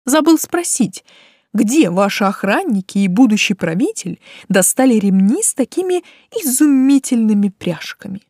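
A woman reading the part of a tall, cheerful young man in an audiobook, eager and loud. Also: high-pitched, normal speed, no room sound, studio quality.

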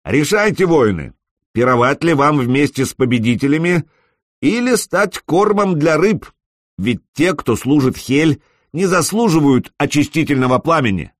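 A man's voice: fairly high pitch, expressive, moderate pace, no echo, studio quality, pitched above the performer's own voice. A man voicing a brash young male warrior who mocks and commands his foes. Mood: proclaiming. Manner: taunting, proclaiming, loud.

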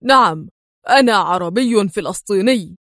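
A man's voice: high-pitched, moderate pace, fairly bright tone, dry recording, studio quality. A woman voicing a jittery, easily stirred Palestinian man who sounds jumpy and eager.

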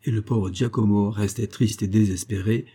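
A man reading a literary tale aloud in a measured, even storytelling manner. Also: on the low side, husky. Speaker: audiobook reader.

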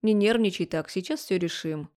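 A woman voicing a calm, decisive middle-aged father in an audiobook. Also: lowish voice, moderate pace, lightly acted. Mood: firm.

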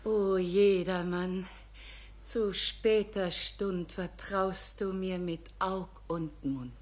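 A frail pleading nun-like figure. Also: female voice, fairly low pitch, steady tone. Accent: Bavarian. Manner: slow, imploring. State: weak, feeble voice. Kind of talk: radio play acting.

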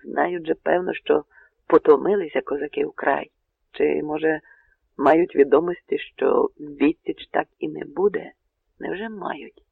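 A man's voice: a little high, unhurried, vocal fry, husky, dry recording, exaggerated voice. A man voicing a brooding, stern Cossack colonel who mutters his thoughts, in an audiobook reading. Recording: narrow phone-like radio sound.

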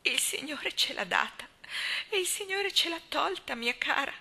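A woman's voice: on the high side, brisk, pushed and bright. Woman doing a pious, teary older neighbor. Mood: tearful. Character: devout tearful older neighbor woman, proper.

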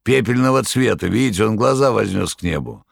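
A sly, rude stranger who mocks and cuts people short, voiced by a male reader. The voice is deep and low and sounds close and dry. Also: lively intonation, fairly quick, gravelly, no room sound, full character voice. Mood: mocking. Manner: mocking, brusque. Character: sly, rude mysterious red-haired man. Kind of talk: audiobook reading.

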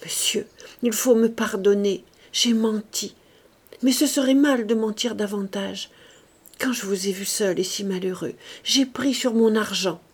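Give me a desperate, pious old maidservant pleading at a sickbed, put on by a woman reader, slow and breathy. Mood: whispered confession. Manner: pleading, crying out high and loud. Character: devoted aging female servant, pious and frantic.

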